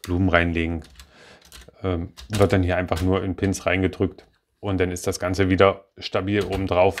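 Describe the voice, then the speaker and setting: A young man casually reviewing a toy car model, rambling with many fillers and self-corrections. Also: deep voice. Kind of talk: casual spoken product review.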